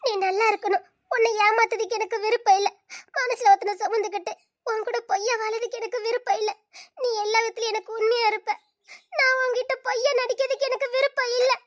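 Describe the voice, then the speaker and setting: A woman voicing a tearful, very high-voiced young woman. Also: steady tone, fast. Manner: tearful, earnest. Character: young woman refusing a friend's love. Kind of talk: audio drama acting.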